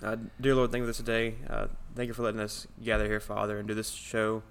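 A man's voice: on the low side, little pitch movement, fast, gravelly, a little hiss or hum. Easygoing man in an echoey church sanctuary. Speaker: podcast co-host.

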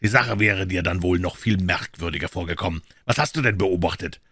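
A man voicing a calm, observant detective in an even, measured way. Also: low voice, breathy edge, no echo, studio quality, full character voice.

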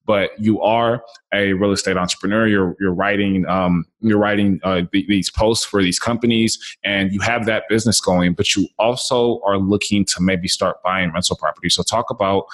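A man's voice: sits low, steady tone, normal speed, few pauses. A man hosting a podcast, enthusiastic and encouraging toward his guest. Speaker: podcast host. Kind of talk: conversational interview.

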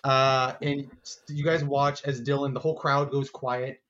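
Animated male game master, muffled audio. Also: mid-range voice. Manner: animated, laughing, doing quick voices for crowd figures. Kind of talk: narrating a tabletop game.

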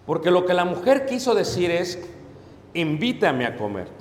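Man preaching about marriage, fairly high voice, acts out couples' lines, long echoing reverb. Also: normal speed. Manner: acts out husband and wife dialogue with lively voices; asks the audience for agreement. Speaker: pastor. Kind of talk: sermon on marriage to a congregation. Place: church hall. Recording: echoey hall with long reverb.

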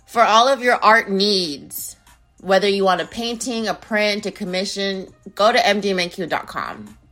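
Bright-voiced young woman hosting a podcast. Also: medium pitch, normal speed. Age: 20s. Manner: loud, playful, swings from shouting to mumbling, sings snatches. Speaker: podcast host. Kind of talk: casual solo podcast chat. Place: home in Arizona. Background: music beat playing.

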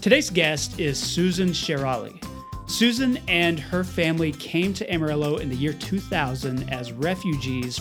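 A man hosting an interview podcast, asking questions in a friendly, conversational way. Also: a little high. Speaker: podcast host. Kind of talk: casual interview.

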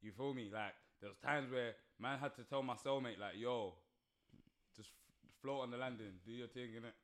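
A man's voice: mid-range voice, normal speed, fairly bright tone. A man with a London roadman accent, full of street slang, bantering and telling stories emphatically. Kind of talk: casual banter and storytelling.

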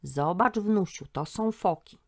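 Stubborn old grandpa in a storybook, woman putting him on, talks slow and patient, voice a bit raised. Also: lowish voice, expressive. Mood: explaining. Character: elderly grandfather, confident, stubbornly mistaken.

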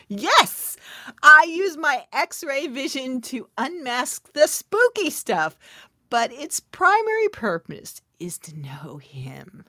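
A woman's voice: a little high, vocal fry, sharp tone, dry recording, studio quality. A middle-aged woman hosting a podcast, talking casually and playfully to her listeners and dropping into whispers for emphasis. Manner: playful, chatty, talks straight to listeners with asides and laughs. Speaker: podcast host.

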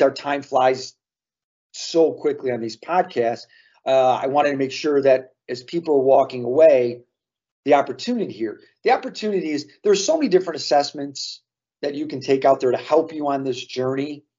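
A man's voice: medium pitch, darkish tone, dull audio. A man co-hosting a casual podcast, talking earnestly and drawing lessons from sports memories. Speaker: podcast co-host.

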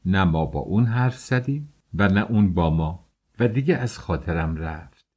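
Deep husky male audiobook narrator. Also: highs cut off. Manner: expressive storytelling.

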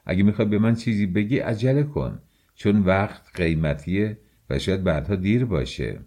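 A man's voice: on the low side, expressive, mellow. A male audiobook reader voicing a tense, brooding young man who speaks bluntly and urgently, with threats in his voice. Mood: tense defiant.

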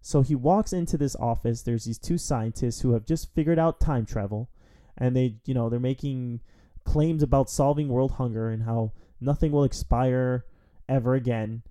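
A man hosting a review podcast, recapping a plot in a casual, rambling style with a wry edge. His voice is very dark and mellow, sitting at a middle pitch. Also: moderate pace. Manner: rambling, wry, with frequent fillers. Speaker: film review podcast host.

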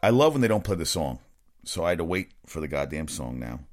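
A man's voice: very deep voice, big pitch swings, brisk, soft background music. A man hosting his own sports podcast, rambling casually from topic to topic and swearing freely. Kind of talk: casual solo sports talk.

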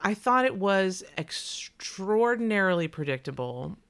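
A young woman co-hosting a podcast, chatting casually and candidly about a movie, animated, swearing and laughing often. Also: medium pitch, unhurried, clear, resonant tone. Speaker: podcast co-host. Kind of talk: casual movie review chat.

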